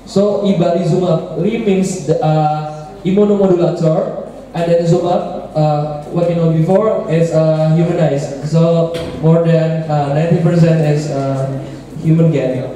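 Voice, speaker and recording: Young guy presenting, lots of uhs, bit high voice, far from the mic. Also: steady tone, measured pace, warm tone, a little hiss or hum. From Indonesia. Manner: hesitant, many filler sounds. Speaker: student presenter. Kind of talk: class presentation. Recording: echoey room, mic far off.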